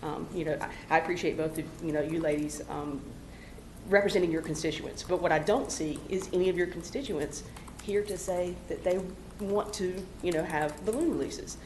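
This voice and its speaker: A woman giving an earnest public comment at a council meeting, halting and full of "you know" fillers, recorded in a council chamber. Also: on the low side, a little mellow. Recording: echoey council chamber recording, faint hum.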